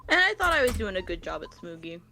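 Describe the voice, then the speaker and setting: Excitable woman streamer with a lively voice. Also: mid-range voice, fast talker, slight background noise. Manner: excitable, gushing, swears freely. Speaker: streamer voicing game characters. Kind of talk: casual stream chat.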